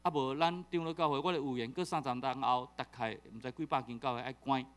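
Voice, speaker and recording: A man's voice: mid-range voice, quick pace, clear, resonant tone. A middle-aged man with a Taiwanese accent preaching a sermon, joking and telling stories with many repeated fillers. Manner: jokey, animated storytelling with repeated fillers. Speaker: pastor.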